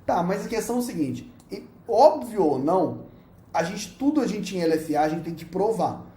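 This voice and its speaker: A man with a Brazilian Portuguese accent teaching a recorded university lecture, playful and animated, often checking in with his students. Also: high voice, normal speed, echoey room.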